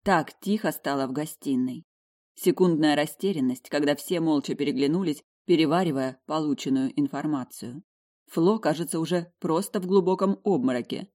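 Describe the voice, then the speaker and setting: A woman's voice: low voice, normal speed. Woman reading a romance audiobook. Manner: emotional, lively reading. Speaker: audiobook reader. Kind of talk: first-person audiobook narration.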